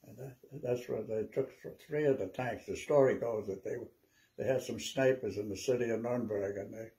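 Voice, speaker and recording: A man in his nineties, an old veteran remembering his war days in a halting, rambling, conversational way with repeated words. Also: medium pitch, dark tone. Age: 90s. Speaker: WWII veteran interviewee. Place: small living room at home, seated.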